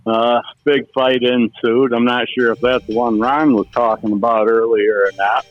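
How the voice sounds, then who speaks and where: On a phone interview, a middle-aged man who once raced cars reminisces in a casual, folksy way, one anecdote after another. His medium-pitched voice barely rises or falls and never hurries. It's a dry recording with faint music in the background, carried over a muffled, narrow line.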